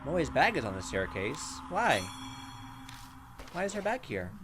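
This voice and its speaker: Over music, a man with a slightly high, very animated voice reads game story text aloud at a measured pace. He's hosting a let's-play video, delivering the on-screen lines dramatically and tossing in playful remarks.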